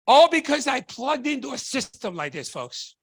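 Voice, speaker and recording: A man's voice: very high-pitched, sing-song, normal speed, breathy edge, dry recording, studio quality. A man from Tonga, giving a fervent motivational stage talk and firing rhetorical questions at the audience. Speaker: motivational speaker.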